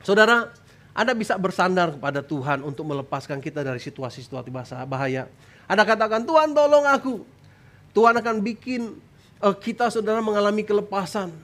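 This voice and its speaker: High-voiced man preaching a sermon. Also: quick pace, a bit bright. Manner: emphatic preaching, often tags lines with "saudara"; voice jumps high when crying out prayers. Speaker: pastor. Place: church stage.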